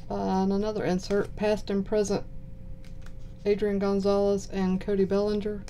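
A woman with a Southern US accent giving low-key, mumbled casual commentary while unboxing cards. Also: little pitch movement, normal speed, mellow, a little hiss or hum. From southern United States. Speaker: card box-break host. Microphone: purchased microphone.

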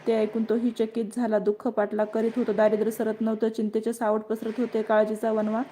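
A woman reading a religious folk tale aloud in a steady, measured way. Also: a little high, a little hiss or hum. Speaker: devotional storyteller.

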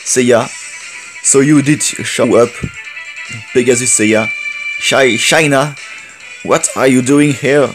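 A man's voice: medium pitch, steady tone, music in the background, lightly acted. A man reading a young hero with a French accent. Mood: earnest. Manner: slow, careful reading of game dialogue. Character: brash young male hero warrior.

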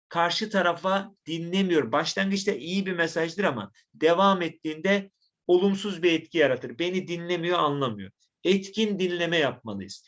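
A man teaching a recorded online lesson, who says his voice is rough and acts out examples to his students. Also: fairly high pitch, fairly bright tone. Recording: dull lo-fi sound.

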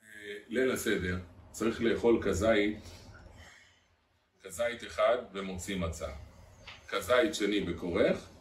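Distant rabbi in an echoey hall. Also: male voice, lowish voice, long pauses. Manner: chanting drills and asking the audience questions. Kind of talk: Torah lesson to a live audience. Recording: echoey room, far from the mic, faint noise.

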